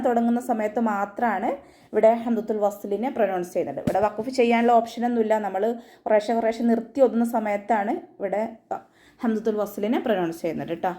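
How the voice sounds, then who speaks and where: A woman teaching Quran recitation rules in an online tajweed lesson, giving calm step-by-step instructions and often checking in with her listeners. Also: fairly high pitch. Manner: calm step-by-step instruction with frequent tag questions.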